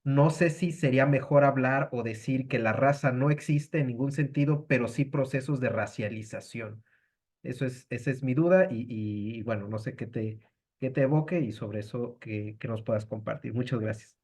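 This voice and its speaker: A man's voice: medium pitch, moderate pace, a little mellow. A man politely asking a hedged, hesitant question in a seminar discussion. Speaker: audience member asking a question.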